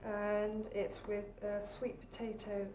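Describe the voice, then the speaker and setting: A woman's voice: mid-range voice, monotone, slow, a little mellow, a little hiss or hum. A woman chef and restaurant owner explaining her dishes plainly and matter-of-factly in a casual interview. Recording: roomy restaurant sound.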